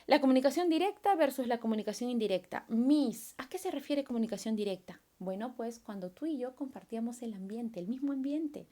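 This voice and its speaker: Animated woman teaching a class. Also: a little high. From Peru. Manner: animated, asks students questions and acts out their replies. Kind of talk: recorded remote class lesson.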